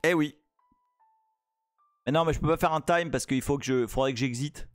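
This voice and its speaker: A French man hosting a casual live-coding stream, playful and excitable, chatting to viewers as he works. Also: medium pitch, normal speed, no echo, clean studio sound, faint music behind. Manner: playful, excitable, reads chat aloud.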